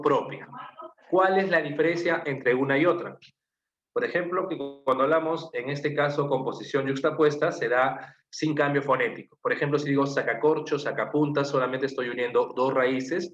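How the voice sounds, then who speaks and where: A man's voice: mid-range voice, a bit bright. Peruvian male teacher, quizzes the class and repeats answers, in a roomy room with dull sound. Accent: Peruvian Spanish. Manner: asks the class questions, repeats answers, lists examples. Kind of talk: online class lecture. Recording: muffled, echoey room, faint noise.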